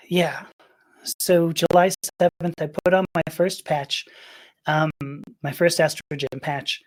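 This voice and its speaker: A woman's voice: fairly low pitch, fairly even intonation, slow pace. A middle-aged woman from Los Angeles, a podcast guest telling a personal story in a rambling, emotional way with restarts and laughter. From Los Angeles, USA.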